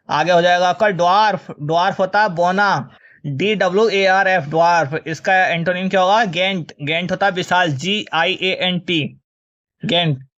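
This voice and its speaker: A man's voice: high-pitched, fairly bright tone, lo-fi sound. A male teacher running a vocabulary lesson for exam students. He spells each word out letter by letter, then gives its meaning and its opposite, and calls the students children.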